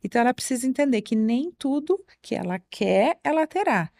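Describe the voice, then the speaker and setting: A woman on a podcast explaining calmly and directly, with rhetorical questions. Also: on the high side, a little fast, gravelly. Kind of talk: podcast conversation.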